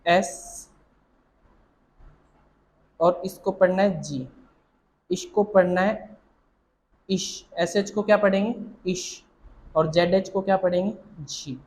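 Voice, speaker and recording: Slow, patient male shorthand teacher. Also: sits high, a little mellow, a little hiss or hum, low-quality recording. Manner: slow, patient, repeats and quizzes the listener. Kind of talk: step-by-step classroom explanation.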